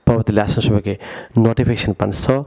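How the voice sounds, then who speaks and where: A man's voice: fairly low pitch, level tone, fast, a little mellow. A man from Bangladesh teaching an online English vocabulary lesson, often addressing viewers and repeating words for them to drill.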